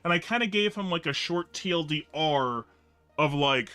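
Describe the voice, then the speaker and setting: Bright-voiced casual male game streamer. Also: on the high side, animated, normal speed, clean tone, no room sound, soft background music. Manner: rambling and casual, with many fillers and swearing. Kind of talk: casual gaming stream commentary.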